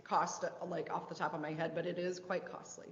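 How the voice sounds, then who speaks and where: A woman's voice: fairly low pitch, flat delivery, a little fast. A woman presenting drug criteria in a committee meeting, explaining and hedging carefully, heard with a big hall echo. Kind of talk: meeting discussion. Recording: big echoey hall, dull sound.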